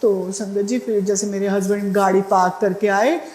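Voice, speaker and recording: A woman's voice: mid-range voice, steady tone, normal speed, a little mellow, roomy sound. A middle-aged woman sharing a devotional testimony in a conversational way, with fillers and restarts. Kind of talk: spoken satsang testimony.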